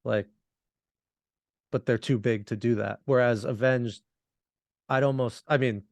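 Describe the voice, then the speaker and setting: A man co-hosts a podcast in relaxed, rambling conversation, laughing often. His voice has a gravelly edge. The sound is dry, with no room echo. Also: medium pitch, unhurried. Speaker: podcast co-host. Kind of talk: casual chat.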